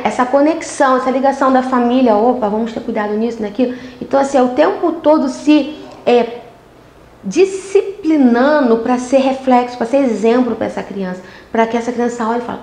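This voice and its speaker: A woman's voice: a little high, a little mellow. Emphatic woman lecturing in an echoey room. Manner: emphatic, repeats "ok?" and acts out parent talk. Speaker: teacher. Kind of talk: online class lecture.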